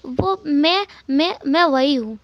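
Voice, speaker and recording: A woman voicing an excitable little boy who stumbles and halts while hunting for words. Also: high voice, dry recording, lo-fi sound, full character voice. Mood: chattering. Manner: stumbling over words, halting searches.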